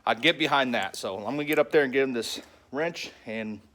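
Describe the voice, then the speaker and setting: A man talking casually to his viewers outside on his homestead. His voice sits at an ordinary middle pitch, and he talks in a folksy, good-humored way, joking as he goes. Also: brisk, pushed and bright. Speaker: homestead vlogger. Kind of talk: casual vlog talk to camera.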